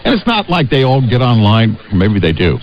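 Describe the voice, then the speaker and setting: An American man co-hosts a conversational political talk radio show, speaking emphatically with halting restarts and repeated short phrases. His mid-range voice swoops wildly in pitch, and the recording has a dull, band-limited radio sound.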